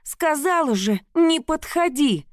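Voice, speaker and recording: A woman voicing a fierce, desperate young bride who shouts in a shrill, raised voice in an audiobook. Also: expressive, slow pace, no echo, clean studio sound. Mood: defiant. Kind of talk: audiobook character reading.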